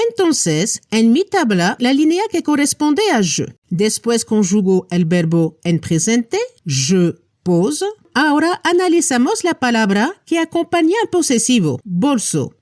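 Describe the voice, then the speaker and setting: A woman teaching a language lesson, explaining step by step and slowly drawing out each example word. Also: sits high, darkish tone, no echo, clean studio sound. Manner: slow, careful, drawing out example words.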